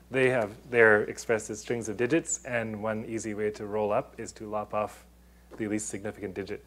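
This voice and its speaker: Lowish man giving an academic talk. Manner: explanatory, with many restarts and fillers. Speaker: presenter on data confidentiality. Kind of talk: academic presentation. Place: lecture room.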